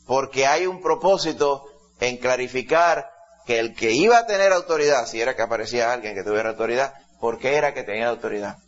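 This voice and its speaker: A man preaching a sermon in an emphatic way, often calling his listeners brother. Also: mid-range voice. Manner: emphatic, keeps addressing listeners as "hermano". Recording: dull lo-fi recording.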